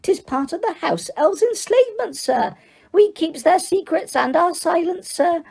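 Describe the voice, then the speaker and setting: A woman voicing an eager, timid male house elf with a high squeaky voice and broken grammar. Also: lively intonation, measured pace, creaky, a little mellow, exaggerated voice. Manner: broken grammar, frequent "sir".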